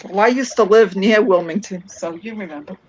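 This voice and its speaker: A woman's voice: medium pitch, a little fast, darkish tone, slightly rough, highs cut off. Middle-aged woman with a Brooklyn accent. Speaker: guest on a craft livestream. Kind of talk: casual chat.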